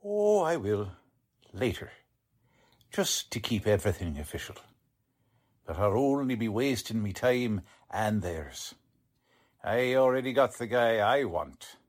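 In an old-time radio drama, a man plays a stubborn, cocksure working-class police lieutenant, blustering in tough, ungrammatical slang. His fairly low voice has a sing-song quality, a measured pace, and frequent pauses.

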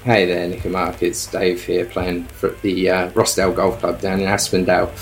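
A man's voice: low voice, monotone, normal speed, rough recording. A middle-aged Australian man leaving a casual voicemail for a podcast, hesitating with frequent ums and uhs. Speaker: caller.

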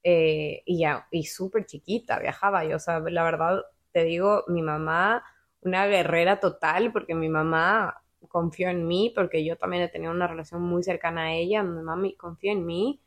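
A woman's voice: on the low side, fairly even intonation, normal speed. A woman in her thirties, a podcast guest, talking reflectively in casual chat and repeating words for emphasis. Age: 30s.

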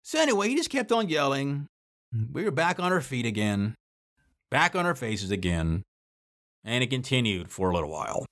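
Lively man telling a story. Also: medium pitch, normal speed. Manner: animated, swears freely, acts out shouted drill orders. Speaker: podcast host telling his own story. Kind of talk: casual first-person storytelling.

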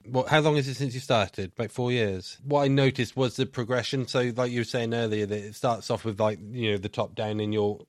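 A man's voice: medium pitch, fairly even intonation, brisk, hardly any pauses, no echo, studio quality. A man hosting a casual podcast interview, chatty and joking, appealing to listeners and asking questions. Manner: chatty, conversational, self-deprecating jokes. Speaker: podcast host.

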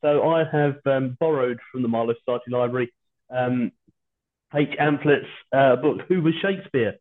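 A low-quality stream carries the thin, narrow voice of a British man. He hosts a podcast in a loose, chatty way, hesitating and rambling with dry humour. It sounds like a video call made from home without a proper microphone. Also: moderate pace. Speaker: podcast host. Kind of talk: casual chat. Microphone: video call without his usual microphone.

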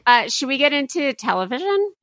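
Bright Valley girl voice with vocal fry endings. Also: high-pitched, very animated, brisk, dry recording. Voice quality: young-sounding Valley girl voice; slightly congested from sinus procedure. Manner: frequent "like" fillers. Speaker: podcast host. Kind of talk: casual chat.

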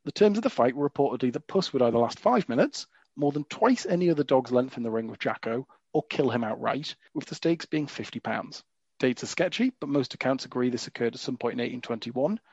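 A man's voice: mid-range voice, animated, a little fast, darkish tone, husky, no echo. A man hosting a podcast in casual, jokey chat, full of asides and fillers. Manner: chatty, jokey, frequent "you know" fillers. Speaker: podcast host. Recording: dull lo-fi dry recording.

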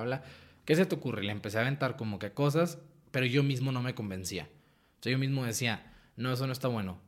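Speaking in a mid-range voice, a young man with a Mexican Spanish accent tells stories as a guest writer and actor. The interview is casual, and he comes across as animated, often breaking into laughter.

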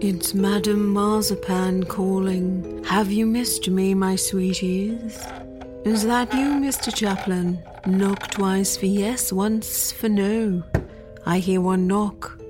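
A woman's voice: mid-range voice, fairly even intonation, takes it slowly, lightly acted. A woman playing a theatrical old-fashioned female spirit medium in a comedy sketch, who gushes and calls everyone darling, with music behind her. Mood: gushing.

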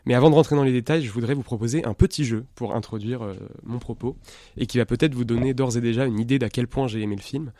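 A man's voice: mid-range voice, fast, dark tone, no echo. A man giving a radio film review in the studio, earnest and hesitant, with many filler sounds. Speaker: film critic. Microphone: studio microphone.

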